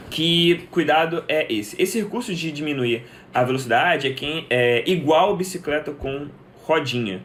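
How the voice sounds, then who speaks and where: A man's voice: on the high side, a bit bright. A young man teaching in a live stream, answering viewers' questions and explaining step by step, often asking a question and then answering it himself. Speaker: English teacher.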